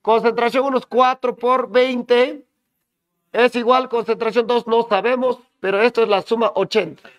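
A man with a Peruvian Spanish accent, teaching chemistry with a voice pitched very high for a man. He jokes and teases his students with nicknames as he solves problems aloud. The sound is dry and close, with no room echo. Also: level tone, normal speed. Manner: joking, teasing students with nicknames. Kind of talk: online class lecture.

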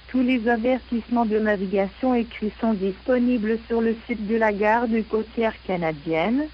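A woman reading navigation warnings in a measured, even announcer delivery over a VHF marine radio broadcast. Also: on the high side, muffled recording, slight background noise.

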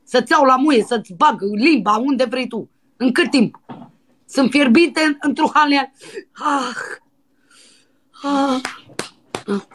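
A brazen young dancer, hungry and impatient, put on by a woman prank caller. She talks breathily and demandingly, with a fairly high voice. She swings from coaxing to shrill insistence. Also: long pauses, a bit bright, a little hiss or hum. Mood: lustful, pushy. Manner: pushy and breathy, with crude demands. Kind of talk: prank phone call.

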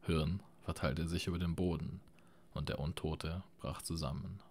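A man reading a fantasy audiobook in a steady, measured storytelling manner. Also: sits low, slightly rough. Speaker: audiobook narrator. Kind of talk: scripted audiobook narration.

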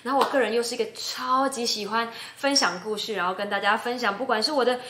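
A woman's voice: a little high, fairly even intonation, quick pace, noisy background. A woman from Taiwan with a Taiwanese Mandarin accent, talking casually and emphatically to camera as a YouTuber and English host. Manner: emphatic, chatty, encouraging. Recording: roomy echo.

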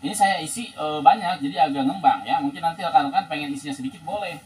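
A man's voice: fairly high pitch, fast talker, a little mellow. Sundanese-accented man hawking bags, noisy room. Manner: chatty market-hawker patter with repeated tags and catchphrases. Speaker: second-hand bag seller. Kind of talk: casual live sales pitch, like a market hawker. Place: indoors in a room piled with bags. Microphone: phone propped at about arm's length or further. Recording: noisy room, phone recording.

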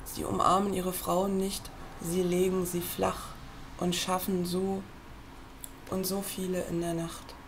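A woman reading a book aloud at a computer, in a measured, earnest way, as if speaking straight to the listener. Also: fairly low pitch, level tone, background noise. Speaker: reader.

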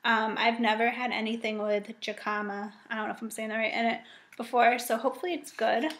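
Young woman, casual vlogger, slightly high voice, upbeat and chatty, webcam at home. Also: steady tone, fairly quick, a bit bright, slight background noise. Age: young adult. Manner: chatty, upbeat, frequent ums and likes. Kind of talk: casual grocery haul vlog. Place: home dining room indoors.

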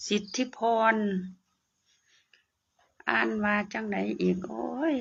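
An older woman with a rough, gravelly voice and an Isan lilt chats slowly through a casual live stream. She reads viewers' names and comments aloud. The audio is dull and lo-fi, with faint noise behind her. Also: on the high side, steady tone, a bit bright. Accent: Isan (northeastern Thai).

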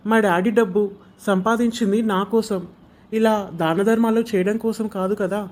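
A man's voice: sits high, fairly even intonation, normal speed, darkish tone, lightly acted. A young man playing a spoiled, selfish rich son who talks back rudely and dismissively, in an amateur short drama. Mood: annoyed. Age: young adult. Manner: dismissive, rude, whiny.

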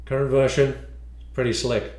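A man demonstrates and explains a module of his own design, narrating the demo from a small room in his home. His medium-pitched voice is a little mellow, delivered flatly at a moderate pace.

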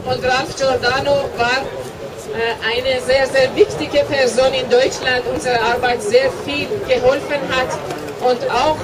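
A woman from Iran, introducing speakers at an outdoor protest rally in halting, simple German. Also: high voice. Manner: hesitant, halting, simple phrasing. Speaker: rally organizer. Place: outdoor city square at a rally. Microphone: handheld mic through a PA, filmed from afar. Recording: distant outdoor recording with crowd noise.

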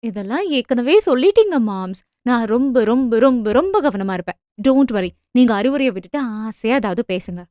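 A chatty, cheeky young wife, as a woman voices her, trading quick playful banter with her husband. Her voice sits fairly high. The recording is dry and close. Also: animated, mellow, dry recording, natural voice.

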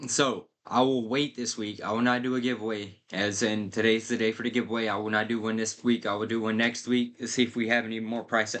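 A man's voice: on the low side, little pitch movement, a little fast, few pauses, fairly bright tone. A man giving a casual, rambling update to his viewers, with many fillers. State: has the hiccups. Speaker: crypto channel host.

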